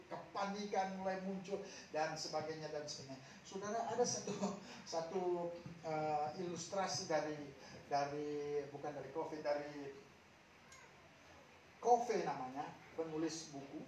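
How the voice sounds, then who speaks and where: A male pastor giving a sermon, telling stories animatedly and moving between hushed and loud passages. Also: a little high, a little hiss or hum. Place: church hall during a service. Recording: very echoey hall from far off.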